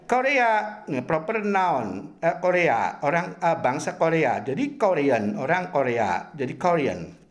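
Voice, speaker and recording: A middle-aged man lecturing university students on English grammar, repeating each example slowly and drilling them one by one. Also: a little high, very animated.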